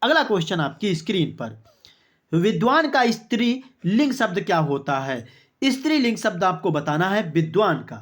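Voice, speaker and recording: A chatty online teacher leads a quiz-style exam-prep lesson, reading each answer option aloud as a rhetorical question before landing on the right one with a quick "okay, exactly". Viewers are called brother and friends throughout. The voice is mid-range with big pitch swings.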